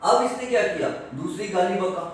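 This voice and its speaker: A male science teacher giving a classroom lecture, explaining step by step and slowly dictating definitions. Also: high voice. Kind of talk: classroom lecture mixing Hindi and English. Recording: echoey room from far off.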